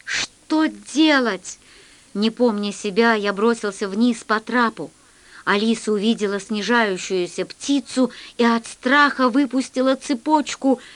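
Woman reading a story aloud, higher voice. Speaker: audiobook reader. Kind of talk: scripted narration of a children's sci-fi story.

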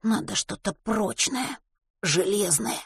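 A woman's voice: on the low side, animated, a little slow, husky, no room sound, studio quality. A woman voicing an injured schoolboy who speaks in a strained, breathless, pleading way in an audiobook. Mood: pained, weak. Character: injured schoolboy, pained, then desperate and self-sacrificing.

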